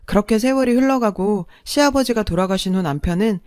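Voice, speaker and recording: A woman narrating a first-person story in a steady, sorrowful way. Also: mid-range voice, brisk, dry recording, clean studio sound.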